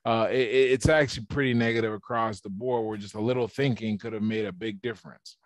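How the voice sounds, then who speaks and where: A man's voice: fairly low pitch, fairly even intonation, fast, dry recording. A man being interviewed on a podcast, explaining his ideas at length in a casual, conversational way over a video call. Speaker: podcast guest.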